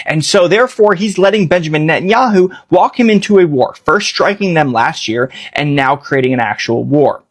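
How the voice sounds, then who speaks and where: A man giving blunt, heated political commentary, with swearing. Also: high-pitched.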